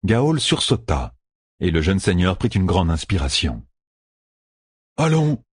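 A man with a husky voice narrating an audiobook with expressive storytelling. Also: low-pitched, normal speed, no room sound. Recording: dry close recording.

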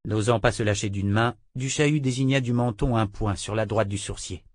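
A man narrating a fantasy novel in a measured, dramatic reading. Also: fairly low pitch, dry recording, clean studio sound. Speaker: audiobook narrator.

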